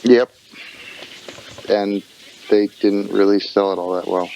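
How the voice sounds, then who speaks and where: Very deep-voiced crude joker. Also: male voice, fairly even intonation, slow pace, vocal fry, mellow, lo-fi sound, a little hiss or hum. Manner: crude, joking, plain-spoken opinions. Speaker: podcast co-host. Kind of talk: casual wrestling podcast chat.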